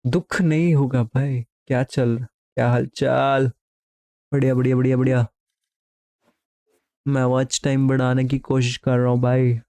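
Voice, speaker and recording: A man's voice: medium pitch, mellow, smooth, no echo. A man from India live-streaming a game, chatting casually, teasing viewers and reading chat aloud, mixing in English phrases.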